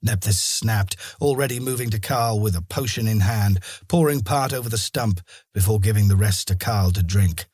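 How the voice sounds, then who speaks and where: A man narrating a fantasy audiobook in a steady storytelling manner. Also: fairly low pitch, moderate pace, breathy edge, no echo, studio quality. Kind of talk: scripted narration.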